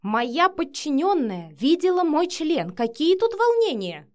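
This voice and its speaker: A woman's voice: mid-range voice, expressive, moderate pace, close to an everyday voice. A woman reading the lines of a short-tempered, domineering man who growls, swears and gives orders, in an audiobook. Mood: indignant.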